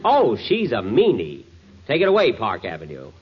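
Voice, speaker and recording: A man's voice: lowish voice, wildly swooping pitch, normal speed. A man playing a fussy, exasperated gang boss and wry announcer in an old radio comedy. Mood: announcing, wry. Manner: wry, bossy, nagging. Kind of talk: 1930s radio comedy acting. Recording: muffled old radio recording with music.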